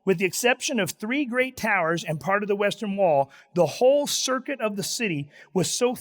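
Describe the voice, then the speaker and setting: A man's voice: high-pitched, lively intonation, normal speed. A man preaching a sermon as pastor, talking in a conversational, self-deprecating way with restarts and asides.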